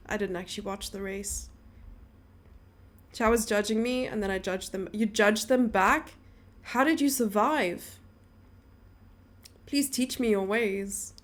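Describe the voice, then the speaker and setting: A young woman streaming, chatting casually and teasing her viewers as she reads their messages aloud. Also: mid-range voice. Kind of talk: casual live-stream chat.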